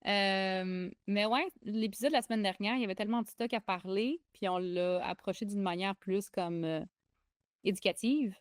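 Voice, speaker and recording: Young Québécois woman co-host, excitable and chatty, dry booth sound. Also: medium pitch, moderate pace, no echo. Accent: Québécois French. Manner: excitable, chatty, frequent fillers and restarts. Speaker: podcast co-host. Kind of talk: casual podcast chat.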